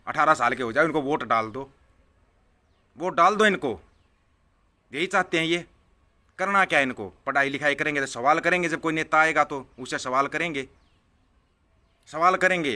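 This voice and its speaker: With a high-leaning, sharp-toned voice, a political vlogger angrily tears into viewer comments during a live rant. His manner is scornful and heated, and he keeps repeating phrases to hammer each point home.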